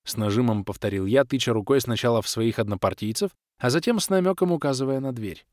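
Expressive male audiobook narrator. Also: medium pitch, fast talker, no room sound, studio quality.

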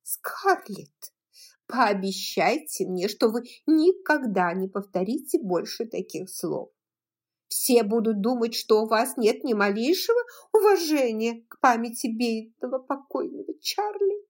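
A woman's voice: fairly high pitch, expressive, unhurried, darkish tone. A woman voicing a prim, fussy older aunt who scolds in a reproachful tone.

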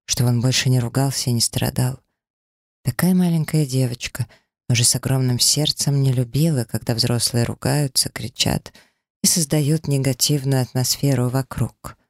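Male audiobook narrator, steady delivery, dry sound. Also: mid-range voice, no room sound. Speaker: audiobook reader.

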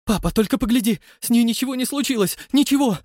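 A man voicing an excitable young man, the son of a rich family, speaking in breathless high excitement. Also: normal speed, no echo, studio quality. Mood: awed.

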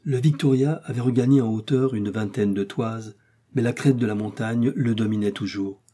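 A man reading an adventure novel aloud, in steady, measured audiobook narration. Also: mid-range voice, slightly rough. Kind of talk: scripted narration.

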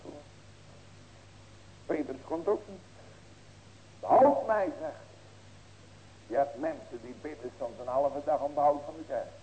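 Older male pastor in his sixties: mellow, fairly high voice, folksy sermon full of rhetorical questions, swells to ringing emphasis. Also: slight background noise, rough recording. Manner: earnest, building to emphatic ringing cries.

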